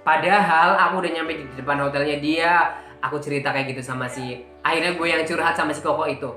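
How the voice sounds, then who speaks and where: A man vlogger telling a personal story in casual talk, emotional and animated, acting out what people said. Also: a little high, fast. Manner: emotional, animated retelling with acted-out quotes. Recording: echoey room with faint background music.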